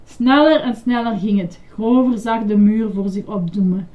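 A woman lively and expressive as she reads a children's story aloud. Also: medium pitch, moderate pace, lo-fi sound.

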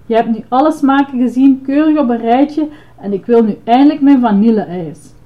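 A woman puts on an impatient little girl from a storybook. She grumbles and urges the others to hurry up. The voice is high and the sound is dull and lo-fi. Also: lively intonation, moderate pace, natural voice. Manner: impatient, grumbling, shrill when alarmed.

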